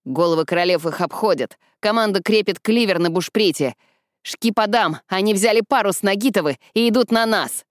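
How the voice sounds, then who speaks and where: A woman voicing a man on lookout who gives brisk, matter-of-fact reports. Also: mid-range voice, no echo, clean studio sound, close to an everyday voice. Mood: alert.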